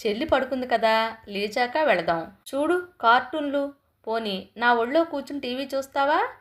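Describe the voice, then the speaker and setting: A woman voicing a gentle grandmother softly coaxing her small grandson in a storybook reading. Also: high voice, lively intonation, normal speed.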